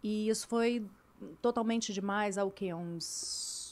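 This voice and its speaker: A woman, a guest actress, telling animated stories in a casual chat. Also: medium pitch, slow pace. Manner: chatty, animated storyteller.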